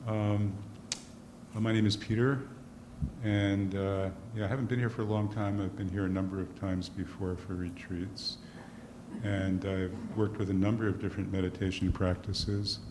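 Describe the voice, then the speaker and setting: A man's voice: low voice, little pitch movement, moderate pace. A man, a retreat participant, introducing himself to the group in a thoughtful, hesitant way. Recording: echoey room with loud background noise.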